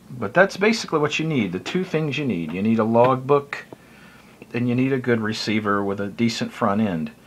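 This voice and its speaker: This American radio hobbyist, vlogging, rambles through a casual explanation without a script, keeping things conversational. He speaks at medium pitch, with slight hiss or hum in the recording.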